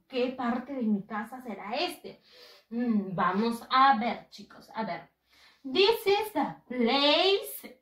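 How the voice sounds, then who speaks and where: A woman teaching English to young children, drilling words slowly in a sing-song way with lots of praise. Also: high voice, fairly bright tone, reverberant, far from the mic, poor audio. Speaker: primary school English teacher. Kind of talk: bilingual lesson for young children.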